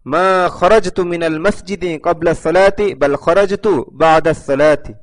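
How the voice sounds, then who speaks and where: A man's voice: a little high, unhurried. A male teacher giving a recorded video lesson, patiently reading sentences aloud and translating each one, often repeating them. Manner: reads each sentence, then translates it line by line; patient, repeats phrases for learners. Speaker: Arabic teacher.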